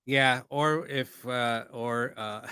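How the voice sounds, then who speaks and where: A man hosting a casual live ghost hunting session, talking informally and haltingly and putting questions to spirits. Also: medium pitch, sharp tone, clear, resonant tone, dry recording, studio quality.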